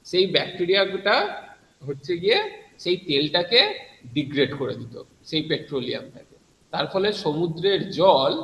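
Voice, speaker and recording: A man's voice: high-pitched, a bit bright, slight background noise. A man teaching an online science class, explaining with frequent fillers and self-corrections, his voice heard in a heavy echo like a cathedral. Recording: echoey, reverberant room sound.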